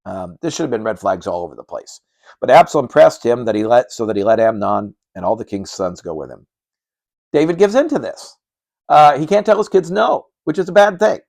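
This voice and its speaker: A man's voice: mid-range voice, lively intonation, a little fast, creaky, a little mellow. A man preaching a sermon as pastor, in a folksy, plain-spoken way with frequent restarts.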